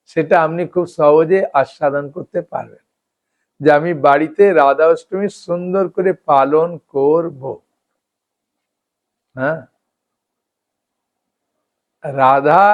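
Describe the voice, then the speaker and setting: A man giving a devotional scripture talk, explaining slowly and often checking in with his listeners. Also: fairly high pitch, highs cut off. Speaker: devotional speaker.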